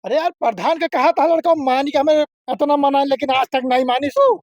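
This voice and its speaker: A woman's voice: sits high, expressive, normal speed, darkish tone, dry recording, highs cut off. A woman playing a blunt, sceptical villager in a comedy skit, with an Awadhi accent. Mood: blunt, doubting.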